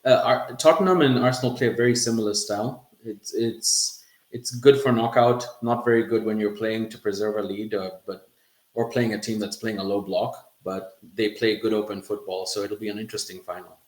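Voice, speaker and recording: A man's voice: on the low side, steady tone, brisk, reverberant. A man hosting a casual football podcast, chatting loosely and laughing now and then. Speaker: podcast host.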